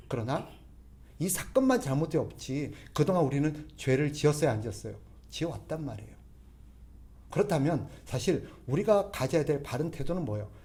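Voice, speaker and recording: A man's voice: fairly high pitch, dark tone. A man preaching a conversational sermon as pastor, constantly putting rhetorical questions to the congregation and drawing on everyday examples. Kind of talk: expository sermon.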